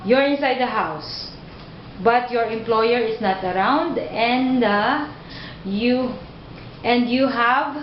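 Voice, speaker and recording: A woman interviewer asks question after question at a middle pitch, repeating and rephrasing each one patiently. Her voice sits in an echoey room and the recording sounds dull. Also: a little hiss or hum. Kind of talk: job interview.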